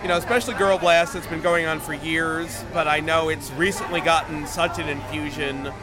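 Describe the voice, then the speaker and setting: A man giving a casual interview outdoors on a rooftop, playful and wry, with halting self-corrections. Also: on the high side, fairly even intonation, low-quality recording. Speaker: podcast guest, magazine editor. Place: outdoors on a crowded bar rooftop. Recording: music and crowd noise on outdoor rooftop.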